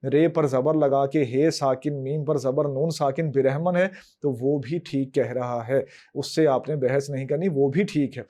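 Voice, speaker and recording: A man with a Pakistani Urdu accent teaching a language lesson, dictating letters and vowel marks one by one in a steady, methodical way. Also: fairly high pitch. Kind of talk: scripted lesson narration.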